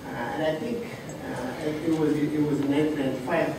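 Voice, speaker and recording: A man from Africa giving a soft-spoken, halting tribute to his mentor, with many pauses and fillers. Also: on the high side, level tone, vocal fry. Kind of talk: heartfelt tribute speech. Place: reception room. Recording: roomy, distant, noisy room recording.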